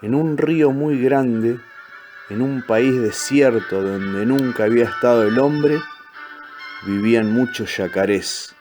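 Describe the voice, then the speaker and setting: Calm male storybook narrator. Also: mid-range voice, over music. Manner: calm, measured telling. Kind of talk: storybook reading.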